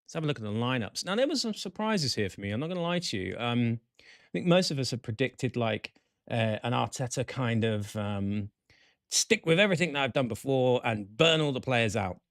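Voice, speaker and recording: A man hosting a chat show, excitable and talkative. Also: medium pitch, brisk, no room sound, clean studio sound. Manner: excitable, chatty, animated. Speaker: podcast host.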